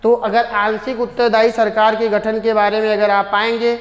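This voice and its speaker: A woman teacher explains exam answers in a rather high, flat voice. She reads the English questions slowly, then moves on. The room is echoey, with a long reverb tail.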